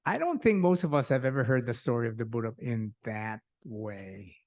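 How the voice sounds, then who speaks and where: A man's voice: medium pitch, lively intonation, normal speed, darkish tone. Enthusiastic man responding to a talk. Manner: enthusiastic, searching for words with many fillers. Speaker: lecture respondent. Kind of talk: spontaneous response to a lecture.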